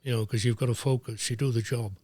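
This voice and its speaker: An older man, a former referee telling lively anecdotes as a guest, dropping into voices for the people he quotes. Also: mid-range voice, fast talker, no echo. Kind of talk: anecdotal storytelling.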